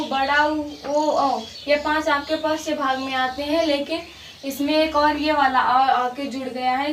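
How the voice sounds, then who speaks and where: Through a distant mic in a roomy, echoey space with a faint hiss, a woman with a high, fairly bright voice gives a grammar lesson. She is patient, repeating examples and checking that her students are following along.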